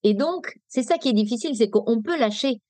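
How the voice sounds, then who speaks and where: A French woman from Nice giving a webinar talk as a negotiation coach, speaking in a lively, direct and explanatory way. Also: on the high side, fairly quick, no echo. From Nice, France. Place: webinar, dry room.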